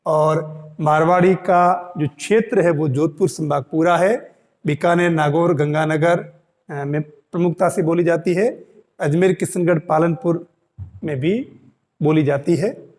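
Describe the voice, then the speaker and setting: A man teaching an exam-prep lesson, speaking slowly and repeating key points for students. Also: on the high side, darkish tone, big-room sound. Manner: slow, repeats key points, "dhyan dena" reminders.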